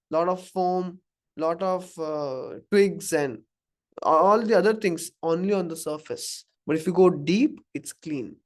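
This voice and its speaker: An Indian-accented spiritual teacher from Karnataka, India, speaks in a high-pitched voice during an informal scripture class talk to a small live audience. His chatty lecture is conversational, full of questions to the audience and chuckles at his own examples.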